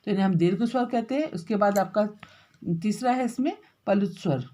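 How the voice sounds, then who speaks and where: Woman, school teacher, grammar lesson, slow word-by-word dictation, repeats herself, checks in with pupils, mid-pitched voice. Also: mellow. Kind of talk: classroom grammar lesson while writing.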